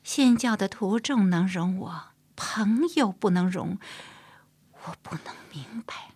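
A proud young outlaw woman, played by a woman narrator speaks plaintively about her wrongs in a husky, breathy voice. She sounds bitter and wounded. It is an audiobook voice recorded dry. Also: medium pitch, slow, a little mellow, dry recording.

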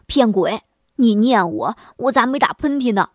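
A woman's voice: fairly high pitch, animated, moderate pace, dry recording. Blustering hothead peddler guy who grumbles at everyone, as a woman storyteller puts him on, dry close sound. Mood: grumbling. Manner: blustering, complaining. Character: hot-headed grumbling male pot peddler.

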